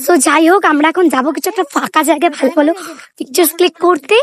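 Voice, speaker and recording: A woman vlogging casually outdoors on a hillside, chatting excitedly to her viewers through a phone camera. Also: sits high, very fast. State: out of breath on a climb. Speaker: travel vlogger. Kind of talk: casual travel vlog.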